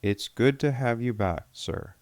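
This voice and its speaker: A man doing a crisp, barking army captain. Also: mid-range voice, unhurried, a little mellow, dry recording, natural voice. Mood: warm.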